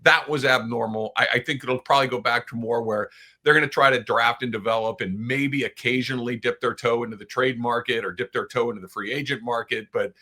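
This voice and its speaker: A middle-aged man with a bright, forceful voice co-hosting a sports podcast. He talks in an opinionated, animated way and often slips into quoted asides. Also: mid-range voice, brisk. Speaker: podcast co-host.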